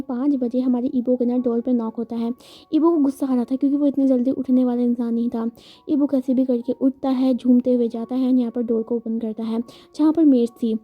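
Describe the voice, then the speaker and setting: Woman, casual storyteller, chatty, self-correcting, high voice, muffled audio. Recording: dull lo-fi sound, faint music.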